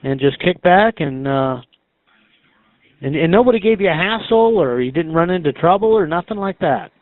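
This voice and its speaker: A man conducting a casual interview, asking halting, hesitant questions with many pauses. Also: a little high, lively intonation. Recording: tinny phone-like band, roomy echo.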